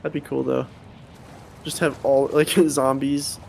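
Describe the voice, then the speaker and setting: Gravelly man calling shots in a game. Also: medium pitch, little pitch movement, darkish tone, a little hiss or hum. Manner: directing the squad, quick calls. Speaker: streamer playing with friends. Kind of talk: casual gaming chat.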